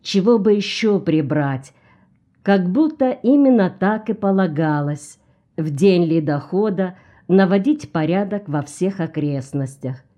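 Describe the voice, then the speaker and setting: Woman narrating a novel, slow and dark-toned, steady storyteller. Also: fairly low pitch. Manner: slow, even storytelling, lifting her voice for excited characters.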